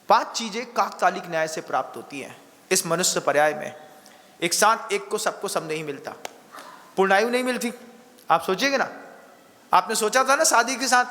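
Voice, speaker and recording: A man's voice: high voice, bright, forceful tone, big-room sound. A man, a Jain monk, giving a sermon to his listeners, telling stories, acting out dialogue and asking them questions. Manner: acts out quoted dialogue, asks the audience questions. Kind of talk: sermon with storytelling.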